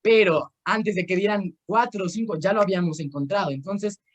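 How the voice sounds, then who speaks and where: A young man with a Mexican Spanish accent and a high, fairly quick voice teaches an informal Bible course over a video call. He rambles through personal stories and game instructions, full of fillers and restarts.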